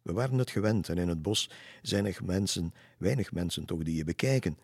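A man voicing a ragged hunchbacked man who laments and eyes strangers with suspicion, in a storybook reading. His tone is low and husky, recorded dry. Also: expressive, brisk, a little mellow, no room sound, in a large hall, heavily acted. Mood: lamenting. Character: sorrowful hunchbacked man in rags.

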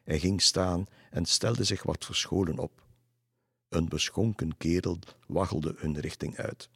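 A man reading a folk tale aloud in a measured way. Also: deep voice, fairly even intonation, gravelly, fairly bright tone, husky, no echo, clean studio sound. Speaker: narrator. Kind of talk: storybook narration.

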